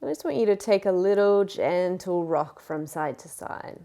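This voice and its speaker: A woman yoga teacher leading a guided class, cueing breath and movement in a gentle, encouraging, unhurried way. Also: lowish voice, lively intonation.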